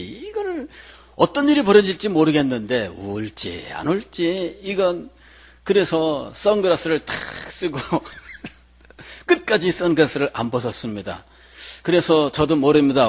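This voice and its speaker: A man's voice: on the high side, very animated, unhurried, husky. A middle-aged man preaching a sermon as pastor, telling a personal story in a conversational way and asking the congregation questions.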